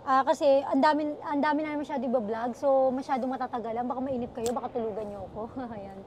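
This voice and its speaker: A woman's voice: high-pitched, steady tone, fast, darkish tone, a little hiss or hum. A woman working as a used car salesperson, chatting casually through a car walkaround vlog at a dealership lot and calling her viewers "guys" again and again. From Philippines. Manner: chatty, full of fillers, keeps addressing viewers as guys.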